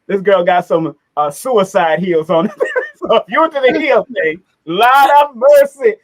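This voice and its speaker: Middle-aged male host, casual interview chat, lively and repetitive, higher-pitched voice. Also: unhurried, rough recording. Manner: animated, repeats words, laughs often.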